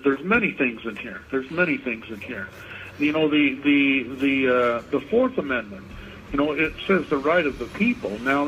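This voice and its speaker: A man speaking as an inmate guest on a payphone call, talking politics informally in a halting way and repeating his words. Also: medium pitch, fairly bright tone. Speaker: interview guest, prison inmate calling in. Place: prison phone. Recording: muffled, noisy payphone line.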